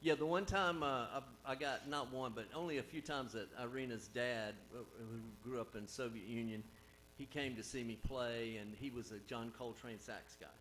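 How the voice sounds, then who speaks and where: On a live music stage in front of an audience, a singer-songwriter introduces his band with rambling, folksy banter between songs, guitar and other band instruments behind him. His medium-pitched voice is steady and fairly bright at a moderate pace, though the audio is poor with slight background noise.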